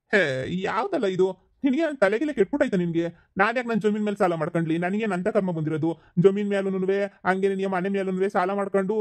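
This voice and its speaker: A man's voice: high voice, no room sound, natural voice. A man playing a bewildered, scolding village father who has forgotten his family, in a comedy skit. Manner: scolding, incredulous, rambling.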